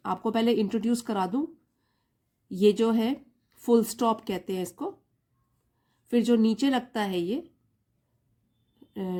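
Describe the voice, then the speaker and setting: Mellow-voiced Indian woman teaching grammar. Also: mid-range voice. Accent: Indian English. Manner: patient, explains step by step, repeats key terms. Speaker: English teacher. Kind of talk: Hindi-English grammar lesson.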